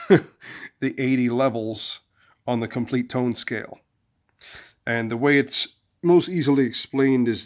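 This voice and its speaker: A man hosting his own advice video, rambling through a long story with fillers and restarts, and rising loud and high when he acts out angry lines. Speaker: host of a relationship advice video series. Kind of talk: casual advice monologue with storytelling.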